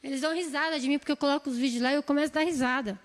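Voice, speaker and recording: Very fast and with fairly even intonation, a São Paulo-accented Brazilian preacher gives a sermon in a church hall. Her voice is high and she pleads earnestly, repeating the same phrases, as a long reverb stretches each line across the room.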